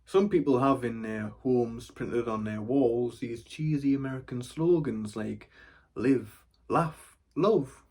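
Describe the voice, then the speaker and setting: A man's voice: mid-range voice, measured pace, few pauses, warm tone. A man performing a monologue in a wry, dry storytelling manner. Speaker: actor. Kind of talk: theatrical monologue.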